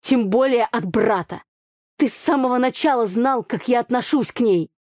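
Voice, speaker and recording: A woman voicing an angry, jealous young man in an audiobook, speaking with slow, sneering emphasis. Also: on the high side, a little mellow, no echo, clean studio sound, voice pushed up, lightly acted. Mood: bitter. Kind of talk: audiobook character reading.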